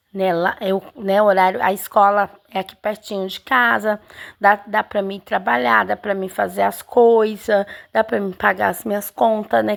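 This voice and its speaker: Chatty woman with gravelly fry. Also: mid-range voice, fairly bright tone. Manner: chatty, keeps addressing viewers, many fillers. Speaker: home seamstress vlogger. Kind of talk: casual storytelling to viewers.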